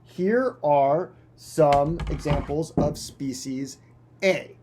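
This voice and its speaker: A man's voice: on the high side, drawn-out words, noisy background. A male teacher explaining a science concept through a dramatic, playful story full of sound effects. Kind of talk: animated storytelling lesson.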